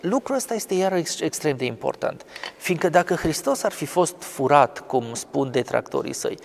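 A man explaining a scripture passage in conversation, scholarly and digressive, often pausing with fillers. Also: fairly high pitch, animated, vocal fry, long reverb tail, a little hiss or hum. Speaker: theologian commenting on scripture.

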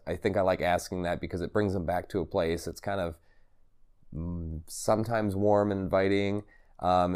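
A man hosting a solo podcast and vlog, talking to camera in a halting, rambling way and often repeating or correcting himself. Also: low voice, darkish tone. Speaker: podcast host. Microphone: recorded on camera for video and podcast.

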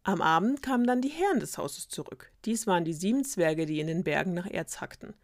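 Woman storyteller, lowish voice, dry close sound, ironic and slangy. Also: animated, brisk, no echo. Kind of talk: casual fairy-tale retelling.

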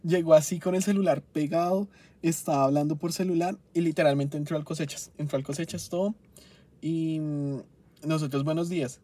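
A young man from Bogotá vents about bad service in a loose, swear-filled rant and keeps flaring up with exasperation. His voice sits a bit high, with a mellow, slightly husky tone. He records from inside his car. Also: fairly even intonation. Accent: Colombian Spanish, Bogotá. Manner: profane, exasperated, quick to flare up. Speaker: podcast host. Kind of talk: casual storytelling rant.

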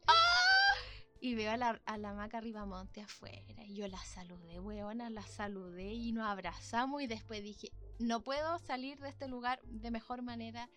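A young woman with a Chilean Spanish accent tells a story in a relaxed, chatty way. Her voice sits a little high and stays animated and playful. Faint music runs quietly under her. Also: moderate pace, few pauses. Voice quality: animated and playful, peppered with slang. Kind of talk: casual storytelling chat.

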